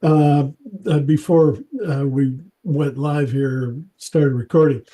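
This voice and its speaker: A man's voice: medium pitch, fairly even intonation, slow, warm tone. A man hosting a casual music interview, talking in a loose, rambling way with many fillers and restarts. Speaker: interview host.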